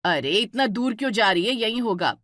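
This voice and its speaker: A woman voicing a stern, scolding middle-aged mother-in-law in a cartoon story, firing sharp questions at her daughter-in-law. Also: medium pitch, animated, normal speed, no echo, clean studio sound, close to an everyday voice.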